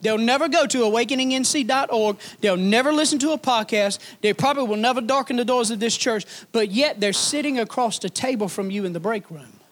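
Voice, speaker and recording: A man preaching a sermon as pastor, folksy and animated, building emphasis through repetition. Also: very high voice, brisk, hardly any pauses.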